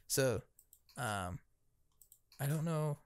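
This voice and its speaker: A man from Kansas co-hosting a casual podcast, retelling a story in a fast rambling way with lots of fillers and swearing. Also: medium pitch, animated, dry recording. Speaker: podcast co-host. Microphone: podcast microphone.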